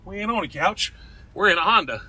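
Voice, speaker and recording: A man's voice: sits high, expressive, fairly quick, sharp tone, breathy edge, low-quality recording. A middle-aged man with a Southern Smoky Mountains drawl, co-hosting a casual, folksy podcast. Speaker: podcast co-host. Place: inside a moving car. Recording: constant vehicle road noise.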